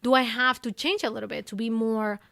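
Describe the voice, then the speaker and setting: A young woman from Ecuador with a Spanish accent talks animatedly as an interview guest, peppering her English with "you know" and "like". Her voice sits fairly high, and the sound is close and dry with little room around it. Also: fairly even intonation, fairly quick, vocal fry, a bit bright, no echo. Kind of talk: casual interview conversation.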